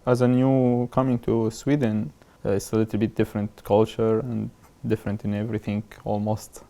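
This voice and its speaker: A man, talking haltingly in a documentary interview. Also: fairly low pitch, level tone, gravelly, dark tone. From Syria. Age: 20s. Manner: halting, searching for words with many fillers.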